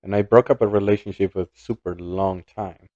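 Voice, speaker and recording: A man's voice: low-pitched, steady tone, moderate pace, mellow, no room sound, highs cut off. A man, co-hosting a casual chat, reflective and hesitant, often repeating words. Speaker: podcast co-host.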